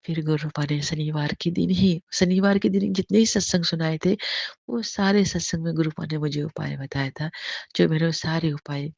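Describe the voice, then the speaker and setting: A woman in her fifties, hoarse from a cold, sharing a devotional testimony with many restarts and repeated thanks. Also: low-pitched, moderate pace, a little mellow, no room sound, lo-fi sound. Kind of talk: devotional testimony, rambling and heartfelt.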